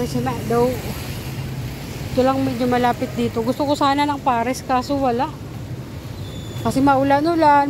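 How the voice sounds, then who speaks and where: A woman vlogging in a casual chat, talkative and teasing, often repeating her questions. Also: on the high side. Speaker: vlogger host. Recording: noisy background with passing vehicles.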